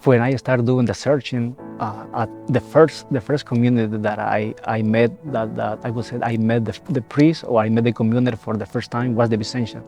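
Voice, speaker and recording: A young man from El Salvador gives a reflective personal testimony as a seminarian, speaking haltingly with many repeated words and restarts. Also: medium pitch, flat delivery. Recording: soft music behind.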